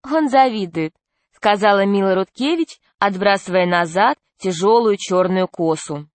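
Woman reading a kids storybook, steady, mid voice, dead dry. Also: medium pitch, moderate pace, no echo. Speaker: narrator. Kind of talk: audiobook narration.

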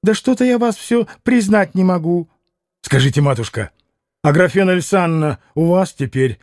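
A man voicing a desperate, hot-tempered young man in an audiobook reading, impassioned and shouting. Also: sits high, lively intonation, normal speed, no room sound, studio quality.

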